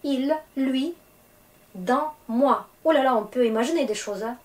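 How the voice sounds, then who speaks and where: Slow, patient woman teaching a language. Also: high voice, poor audio. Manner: slow, patient explaining with frequent hesitations. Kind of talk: explaining grammar to French learners.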